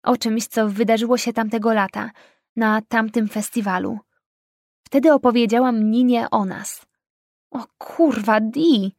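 Woman audiobook narrator, first person, measured, higher pitch, dry close sound. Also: steady tone, darkish tone, dry recording.

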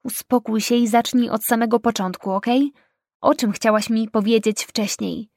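A woman's voice: a little high, steady tone, moderate pace, darkish tone, dry recording, clean studio sound, close to an everyday voice. A woman voicing an alarmed young woman, an insistent and protective best friend, in audiobook dialogue. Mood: calm. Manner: urgent, insistent.

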